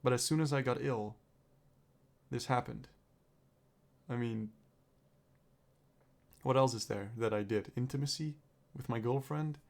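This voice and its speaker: Still shaking off a cold, the young vlogger thinks aloud unhurriedly, pausing often, his throat gradually clearing. The mid-range voice is creaky and a little mellow, and his diary entry wanders with plenty of swearing.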